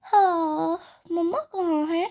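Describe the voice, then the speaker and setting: A woman's voice: very high-pitched, steady tone, slow, a little mellow, full character voice. A woman voicing a sneaky tattletale girl doll who schemes and talks asides to herself, in a doll play story.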